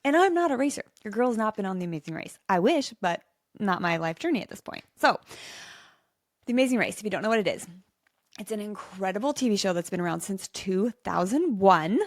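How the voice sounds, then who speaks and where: A chatty woman hosts her own podcast, talking in a bubbly, excited rush full of little asides. Her voice sits at an ordinary middle pitch. The recording is close and dry, with no room sound. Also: a little fast, dry recording. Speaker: podcast host. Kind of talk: solo podcast chat.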